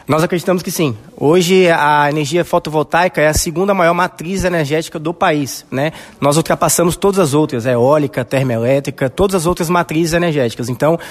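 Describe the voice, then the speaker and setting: Brazilian man, quick speech, slightly high voice, confident, fillers, echoey hall. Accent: Brazilian Portuguese. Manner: confident, brisk, with many fillers and restarts. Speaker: solar energy businessman. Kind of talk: on-site news interview answers.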